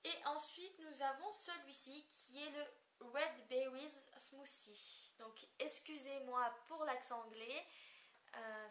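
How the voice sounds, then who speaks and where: A young beauty vlogger chats casually in a haul video, her voice fairly high and sharp. She hesitates a lot, uses many fillers and apologizes for how she describes colors. The room is echoey with a faint hiss.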